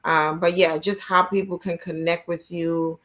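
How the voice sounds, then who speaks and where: A woman's bright, forceful voice leads an online interview. She talks casually and often pauses with "um" while gathering her thoughts. Her pitch sits on the lower side for a woman. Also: level tone. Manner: many "um" fillers, slow and thoughtful. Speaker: host of an online school network talk.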